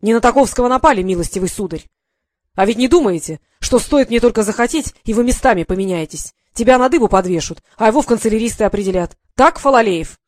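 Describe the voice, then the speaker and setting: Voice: medium pitch, quick pace, no room sound, close to an everyday voice. A reader voicing a stern, powerful elderly male general who scolds and commands with sarcasm. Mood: angry scolding. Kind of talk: audiobook character voice.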